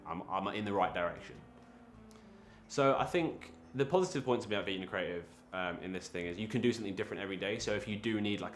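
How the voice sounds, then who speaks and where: A young man talking in a casual, reflective interview, halting often with fillers and restarts. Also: deep voice, fairly bright tone, a little hiss or hum. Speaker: creative interviewee.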